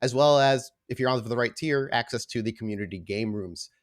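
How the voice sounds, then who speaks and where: Casual announcements come first, then slow narration that sets the scene, from a man who hosts and runs the story for a tabletop roleplay actual play podcast. His pitch is medium and his pace a little fast.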